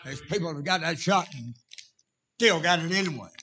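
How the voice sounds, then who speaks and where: A man with a Southern US accent and a raspy voice preaching an informal sermon in a folksy drawl, talking directly to his congregation. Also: fairly high pitch, lively intonation, normal speed, sharp tone. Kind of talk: informal sermon with jokes and shouts of praise.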